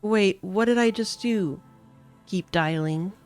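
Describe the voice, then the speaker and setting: A woman's voice: medium pitch, slow pace, a little mellow, soft background music. A woman streamer giving casual let's-play commentary, chatty and giggly, reading dialogue options aloud.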